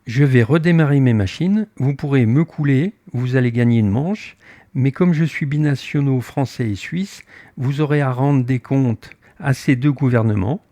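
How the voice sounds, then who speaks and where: An older sailboat captain casually recounts his voyage, animatedly acting out his own heated exchanges. He has a mid-range voice at a normal speed, recorded dry with studio quality.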